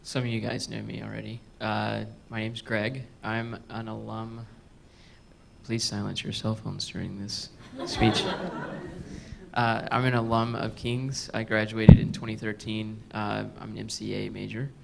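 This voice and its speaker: A man introduces himself on a panel with a deep, heavily gravelly voice that stays level. He keeps things loose and jokey. A faint rumble sits underneath. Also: little pitch movement, measured pace, darkish tone. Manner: joking, loose. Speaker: panelist, fellow.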